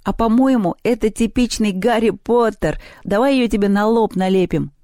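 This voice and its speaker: A reader voicing a giggly, quick-witted girl who is a bit timid. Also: mid-range voice, dark tone, no echo, clean studio sound, voice pushed up, natural voice. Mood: teasing.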